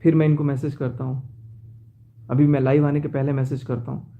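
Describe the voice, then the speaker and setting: A man's voice: medium pitch, level tone, a little fast, vocal fry, phone-quality sound. A young man talking to his viewers from his car, agitated as he recounts a betrayal in a personal vlog. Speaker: vlogger.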